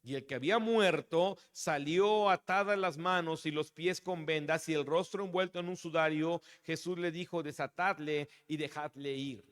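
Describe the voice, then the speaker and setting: A man with a high, light voice reads scripture aloud and preaches to his congregation, calling them "brother". His voice rings through a church hall with a long reverb tail. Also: moderate pace, few pauses, fairly bright tone, clean tone. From Mexico. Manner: addresses listeners as brother. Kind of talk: sermon with scripture reading.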